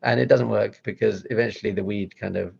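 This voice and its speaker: A rabbi giving a chatty, self-deprecating motivational talk with slides, breaking into acted-out voices. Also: male voice, lowish voice, steady tone, fairly quick, gravelly, darkish tone, slightly rough, lo-fi sound.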